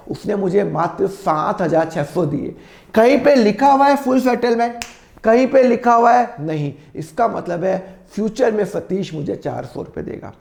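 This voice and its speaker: A man teaching accounting, with a slightly sore throat he keeps clearing, acting out both sides of made-up phone calls. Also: high voice, darkish tone. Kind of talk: classroom lesson with acted dialogues.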